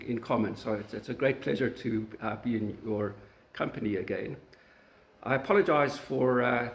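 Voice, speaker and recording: A man from South Africa with a South African accent, giving an academic lecture in a university meeting room, halting often with fillers and restarts. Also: mid-range voice, vocal fry. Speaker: guest lecturer. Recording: echoey lecture room recording.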